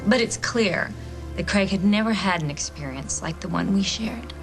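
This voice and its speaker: A woman's voice: medium pitch, animated, normal speed, close to an everyday voice. An actress playing a smug, taunting woman who gloats over her rival in a daytime soap opera. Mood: boastful. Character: smug taunting woman, the other woman in a love triangle. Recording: music playing underneath.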